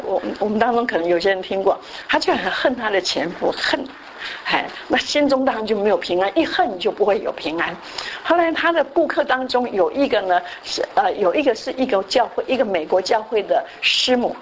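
Woman preaching, slightly high voice. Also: a little hiss or hum, poor audio. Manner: storytelling, mixes in English words; frequent "好" fillers and restarts. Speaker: church speaker. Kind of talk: sermon with a told story.

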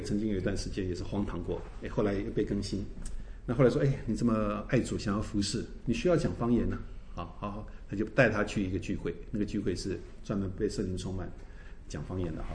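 A man, a pastor teaching a church class, telling stories in a lively way, tagging his phrases with "哈" and laughing often. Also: lowish voice, quick pace, a little hiss or hum. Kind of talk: teaching a Bible class, with anecdotes. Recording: roomy echo.

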